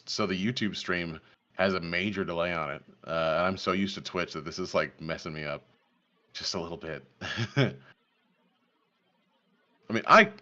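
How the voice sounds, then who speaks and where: A man's voice: low-pitched, fairly bright tone, clear, resonant tone. A man hosting a live podcast stream, reacting casually and laughing often. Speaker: podcast host. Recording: dull lo-fi stream audio.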